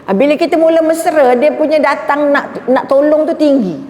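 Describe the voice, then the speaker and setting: A woman with a Malaysian Malay accent gives a religious talk, her voice sitting a little high. She is chatty and humorous, acts out little scenes and keeps turning to the audience for agreement. The sound is roomy, with a long hall echo and faint noise underneath. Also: moderate pace, darkish tone. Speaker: religious speaker.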